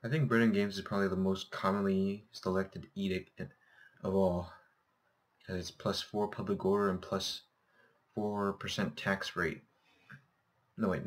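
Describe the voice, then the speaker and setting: A man's voice: sits low, gravelly. A man with a slightly scratchy, sore-throated voice commentating casually on a game, thinking aloud and correcting himself. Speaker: gameplay host.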